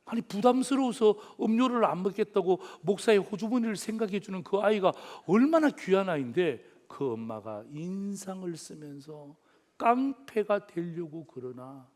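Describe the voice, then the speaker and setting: A man's voice: sits high, lively intonation, moderate pace, few pauses, darkish tone. A male pastor giving a sermon, telling a story with animation and putting questions to the congregation.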